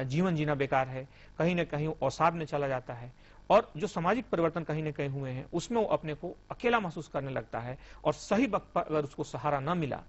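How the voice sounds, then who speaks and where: A young man, a police officer, explaining earnestly and formally as a guest in a TV studio interview. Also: fairly high pitch. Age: young adult. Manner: earnest, explanatory, formal Hindi with English terms. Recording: muffled TV broadcast audio.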